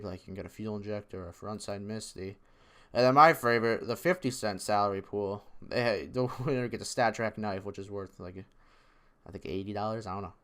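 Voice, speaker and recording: A man casually talking through his predictions in a vlog, excitable, rambling and swearing freely. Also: on the low side, clear, resonant tone. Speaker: esports video creator.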